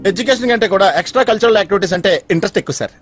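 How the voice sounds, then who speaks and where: A man's voice: high voice, rapid-fire, natural voice. An actor playing a cheeky, bragging young man in a Telugu film comedy. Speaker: comic film character. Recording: film soundtrack with faint music.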